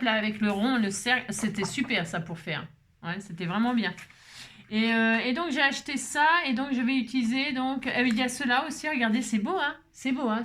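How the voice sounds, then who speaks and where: A woman's voice: fairly high pitch, a bit bright. A woman hosting a crafting video at her home table, rambling chattily and tossing frequent asides to her viewers. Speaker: crafting channel host. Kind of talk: casual crafting chat to viewers. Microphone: camera set up on the table.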